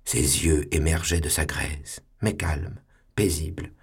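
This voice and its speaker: A man giving a measured, theatrical literary reading. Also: a bass voice, steady tone, slightly rough.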